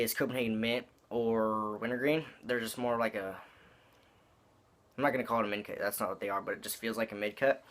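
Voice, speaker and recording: A man's voice: mid-range voice, a bit bright. A young man talking with chewing tobacco in his mouth, giving a casual, rambling, slangy product review with some swearing.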